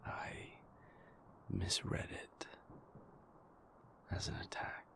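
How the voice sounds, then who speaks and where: Whispering with a fairly bright tone, this male actor voices a guarded, formal vampire boyfriend full of remorse for an intimate roleplay piece. He speaks carefully and haltingly in a low, breathy, gravelly register, as if confessing.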